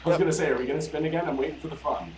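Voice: medium pitch, rapid-fire, reverberant, distant mic, crowd noise, low-quality recording. A streamer chatting and teasing friends while playing an online game. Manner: teasing, jokey. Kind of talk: casual gaming banter.

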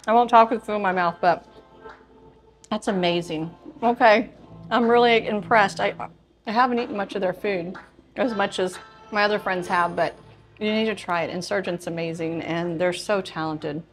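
An upbeat, chatty woman hosts a casual local interview and tastes food on camera. She speaks at an average pitch with a gushing, friendly manner. Music plays clearly under her voice. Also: moderate pace, rough recording. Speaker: host.

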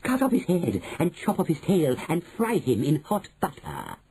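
A man voicing eager, nasty storybook witches with shrill, excitable, gushing exclamations. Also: unhurried, slightly rough, heavily acted.

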